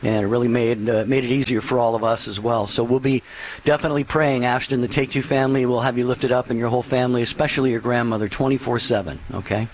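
Male host, call-in radio, even voice, encouraging, faint noise. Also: medium pitch, quick pace, poor audio. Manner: warm pastoral encouragement.

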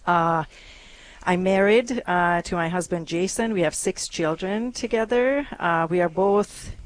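A woman from Hungary, a guest on a radio show, telling her story earnestly with many pauses and ums. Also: on the low side. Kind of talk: interview conversation.

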